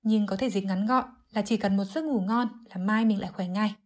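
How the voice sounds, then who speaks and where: A woman giving an English vocabulary lesson, explaining clearly and methodically, word by word. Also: mid-range voice, normal speed, a little mellow. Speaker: English teacher.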